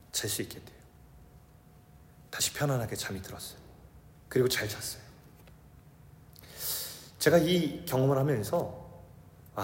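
A man in his thirties preaching a sermon as pastor, shifting between urgent raised delivery and soft, hushed storytelling. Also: mid-range voice, a little hiss or hum. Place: church sanctuary. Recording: echoey hall with long reverb.

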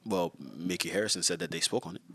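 A man's voice: deep voice, fast, a bit bright, slightly rough. A man co-hosting a podcast in casual chat, blunt, profane and sarcastic. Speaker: podcast co-host.

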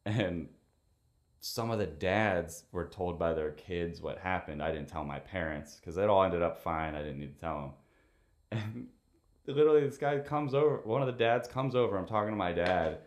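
A man's voice: low voice, normal speed. A young man hosting a podcast in casual chat, telling stories with lots of laughter. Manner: animated storytelling, laughs often. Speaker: podcast host.

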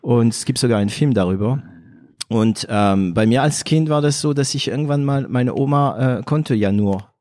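A man's voice: medium pitch, moderate pace, darkish tone. French-accented man hosting a podcast. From northern France. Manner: playful, laughs often, switches into French. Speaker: podcast host. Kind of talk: casual interview chat.

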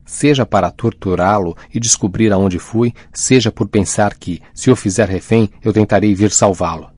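A man's voice: fairly low pitch, moderate pace, a little mellow, breathy edge, no room sound, clean studio sound. A man voicing a defiant, sarcastic teenage boy in an audiobook reading, speaking impatiently. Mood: insistent.

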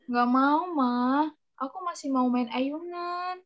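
A woman's voice: high-pitched, slow pace. A woman voicing a spoiled young girl who whines and refuses to share, in a children's cartoon drama. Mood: defiant. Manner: whiny, defiant. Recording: dull lo-fi recording.

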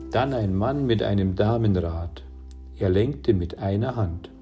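A man calmly narrating an audiobook story at an unhurried pace. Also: lowish voice.

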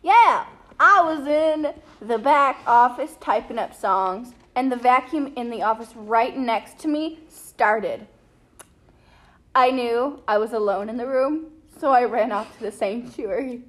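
Woman plays a tired, grumbling church member; bright, slow delivery. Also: on the high side. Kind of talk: amateur church skit.

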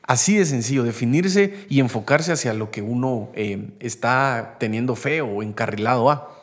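Young man, lively faith-based podcast talk. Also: medium pitch, normal speed. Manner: animated, acts out quoted voices.

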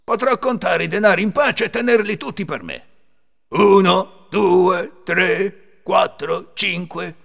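A man's voice: high-pitched, slow pace, vocal fry, fairly bright tone, long reverb tail, pitched above the performer's own voice, full character voice. A man voicing bad-tempered male thieves, raised and menacing, in a storytelling reading. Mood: threatening.

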